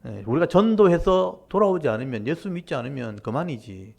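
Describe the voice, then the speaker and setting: A man, a pastor, preaching a sermon and explaining scripture to his congregation in a direct, conversational way, with lively rises and falls for emphasis. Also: fairly high pitch, a little fast, vocal fry. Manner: animated preaching with rising and falling emphasis. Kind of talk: Korean Wednesday-service sermon.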